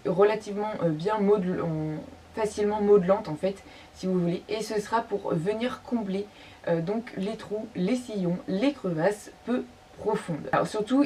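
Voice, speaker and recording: A woman's voice: medium pitch, darkish tone. A woman presenting shop products in a casual vlog, speaking with many fillers and restarts. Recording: slightly distant mic, faint background noise.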